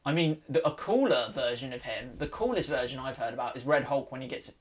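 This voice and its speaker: A man's voice: mid-range voice, lively intonation, brisk. Guy geeking out over comics on a podcast, lots of ums, keeps going off track. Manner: enthusiastic, rambling, many ums. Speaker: podcast co-host. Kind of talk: casual chat about comics and TV.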